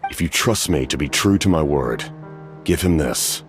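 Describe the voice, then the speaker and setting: A very deep, stoic warrior captain. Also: male voice, expressive, faint music behind. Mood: grave, clinical. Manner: formal, measured, grave. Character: stoic, solemn centuries-old male warrior captain. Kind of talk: dramatic video game cutscene dialogue.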